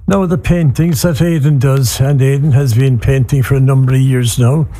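A man's voice: mid-range voice, fairly even intonation, moderate pace, warm tone. A man with an Irish accent from Cork, hosting a radio show in a rambling, hesitant, conversational way. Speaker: community radio host. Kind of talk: casual radio chat mixing English and Irish.

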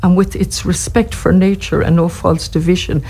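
An Irish interview guest with an Irish accent gives earnest conversational answers, speaking passionately and thoughtfully and often restarting phrases. The voice is medium-pitched with little pitch movement and a moderate pace, creaky and a little mellow with a breathy edge.

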